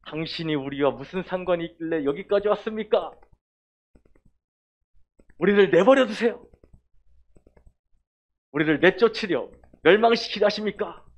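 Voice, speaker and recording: A man voicing a frantic demon possessing a man, shouting panicked pleas in a raised voice. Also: high-pitched, moderate pace, long pauses, highs cut off, pitched above the performer's own voice, natural voice.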